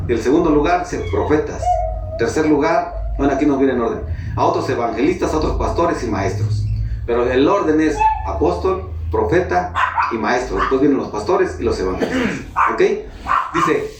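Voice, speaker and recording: Mexican pastor preaching, chatty, throws questions at the crowd, sounds far off in an echoey hall. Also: male voice, mid-range voice, expressive, normal speed, noisy background. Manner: conversational preaching with questions to the congregation. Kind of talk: sermon. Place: church hall. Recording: echoey hall, mic at a distance.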